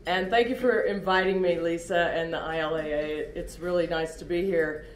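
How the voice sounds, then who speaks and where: A woman's voice: on the low side, fairly even intonation, normal speed, a little hiss or hum. A middle-aged woman from Oklahoma giving a candid, self-deprecating personal testimony as a recovery meeting speaker. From Oklahoma, USA. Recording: roomy echoey room.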